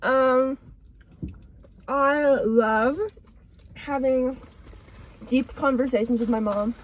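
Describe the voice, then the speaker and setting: A woman's voice: high-pitched, steady tone, slow pace. A teenage girl chatting casually in a car, rambling with lots of fillers. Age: teens. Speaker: co-host. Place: inside a car.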